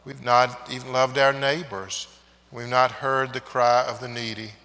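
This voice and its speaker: A pastor leads the congregation in prayer, a man with a bright, forceful tone who speaks very slowly. His measured phrases trail off quietly and ring out in a long cathedral echo. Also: medium pitch, fairly even intonation. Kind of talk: leading liturgy and prayer. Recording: long echoing reverb of a large church.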